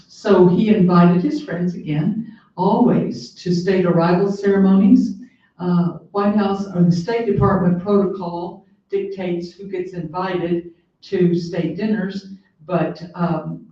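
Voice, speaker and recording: An older woman speaks at a library talk, reminiscing with plenty of fillers and restarts. Her voice is dark and mellow. It sounds muffled and distant, heard through a very echoey room. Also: on the low side. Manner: warm storytelling with frequent fillers and restarts. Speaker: author and guest speaker.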